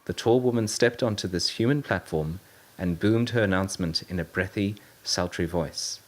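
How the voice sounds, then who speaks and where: A man narrating an audiobook story in a steady, measured way. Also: sits low. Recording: narration over loud music.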